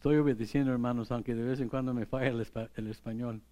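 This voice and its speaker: A middle-aged male pastor, preaching in a relaxed, conversational way. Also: mid-range voice, muffled recording. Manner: unhurried, conversational preaching with light laughs. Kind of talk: sermon.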